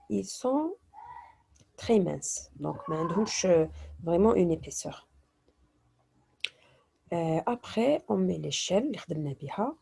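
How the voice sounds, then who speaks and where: A woman teacher with a fairly low, creaky, mellow, husky voice explains a statistics lesson. She mixes French with Arabic dialect and hesitantly restarts her phrases.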